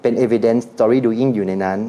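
A man's voice: mid-range voice, unhurried, dull audio. A man on a radio talk show, a guest brand owner who tells his brand stories animatedly and mixes in English terms. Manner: animated storytelling, mixing English terms, laughs.

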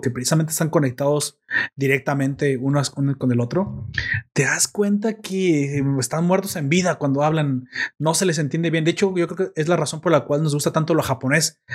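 Animated, opinionated man chatting. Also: a little high, breathy edge. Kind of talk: casual chat.

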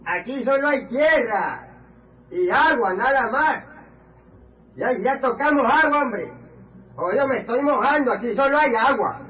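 An actor playing a whiny, complaining village laborer, in a lo-fi radio recording. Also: male voice, very high voice, expressive, unhurried, long pauses. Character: grumbling village laborer, digging reluctantly. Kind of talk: radio comedy acting.

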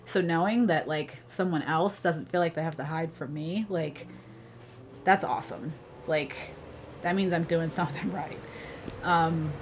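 A woman talks as a podcast guest in casual, rambling chat, her voice on the low side. She fills her sentences with "like" and "you know". Faint background noise sits under her voice.

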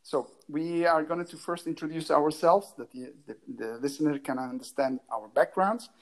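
A man's voice: on the high side, normal speed. A man who grew up in Italy co-hosting a podcast, speaking hesitantly and often restarting while he searches for words. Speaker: podcast co-host. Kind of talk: casual podcast chat.

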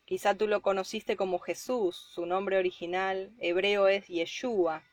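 A woman reading a psalm and preaching on it, slow and emphatic, rising on her key points. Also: medium pitch, steady tone, no room sound, soft background music. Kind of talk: Bible reading and devotional sermon.

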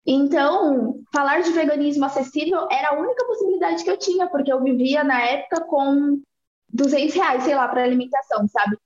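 Bahian woman, twenties, high and bright-pitched, casual and chatty, echoey lo-fi sound. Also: fairly quick, a little hiss or hum. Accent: Bahian Portuguese. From Bahia, Brazil. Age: 20s. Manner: relaxed, chatty, laughs easily. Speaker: guest, activist. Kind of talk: casual interview talk.

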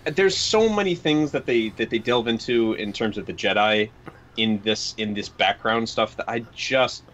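A man's voice: on the low side, normal speed, fairly bright tone. A man in casual chat about a film, rambling with frequent restarts and quoted asides. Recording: dull lo-fi recording.

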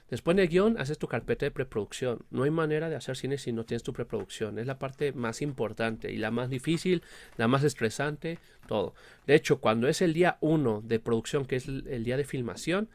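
A man's voice: mid-range voice, no room sound. A man with a Mexican accent and a speech impediment on the R sound, chatting casually as an interview guest and explaining things with frequent check-in tags. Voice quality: speech impediment, cannot pronounce the R sound properly. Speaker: guest, film producer and director.

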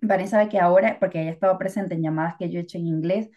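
On a casual podcast, a Venezuelan co-host talks rapid-fire in a lowish, steady voice over dull audio. She muses in a chatty, reflective way and leans heavily on fillers.

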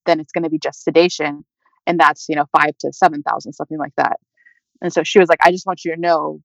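A woman's voice: sits low, no echo. A young woman recounts her own painful experience in a loose, conversational way, full of fillers and small nervous laughs. Her voice climbs and strains toward tears as she goes on. The recording is dry and a little muffled, with no room sound. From California. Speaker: guest telling her story. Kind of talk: personal storytelling. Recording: dry, slightly muffled audio.

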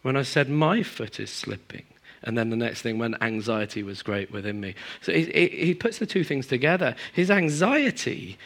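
A man preaching a sermon to a congregation, moving between emphatic high passages and quiet, low stretches. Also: normal speed, few pauses. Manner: animated, swings from emphatic highs to quiet low asides. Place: church hall in front of a congregation.

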